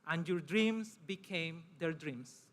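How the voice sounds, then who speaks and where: A young man with a bright voice and fairly high pitch speaks as a student at a commencement ceremony, reading a formal prepared speech. He comes from El Salvador and grew up speaking Spanish, and he talks earnestly in measured, short phrases with pauses.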